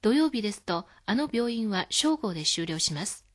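A woman hosting a scripted radio lesson, explaining words calmly. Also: mid-range voice, normal speed. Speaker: Chinese language teacher.

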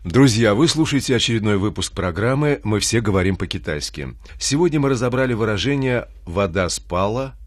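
A man hosting a scripted radio language lesson, reading in an even, measured way. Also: on the low side, slightly rough.

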